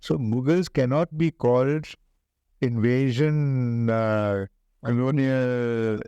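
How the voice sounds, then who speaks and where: Mellow older man, posh Indian accent. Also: mid-range voice, steady tone, slow, smooth, no echo, muffled recording. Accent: educated upper-class Indian. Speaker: interview guest, educator. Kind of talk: conversational interview answers.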